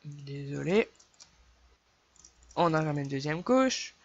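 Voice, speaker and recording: A young man with a Québécois French accent, chatting casually through a game tutorial, counting his clicks aloud and apologizing quickly for slips. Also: on the high side, lively intonation. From Quebec. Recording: dull lo-fi dry home mic.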